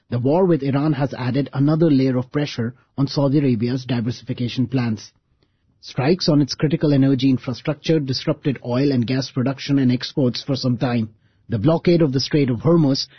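A man with a husky voice presenting a scripted radio documentary. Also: medium pitch, no echo, lo-fi sound.

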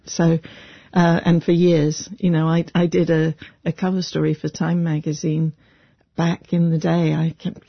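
Woman, journalist guest, gravelly, flat even tone, husky. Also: low voice, no echo, dull audio.

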